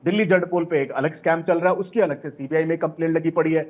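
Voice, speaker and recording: A man's voice: on the high side, steady tone, fast talker, lo-fi sound. A man speaking as a party spokesperson in a heated panel debate, insistent and accusatory, piling up rhetorical questions and repeated lists.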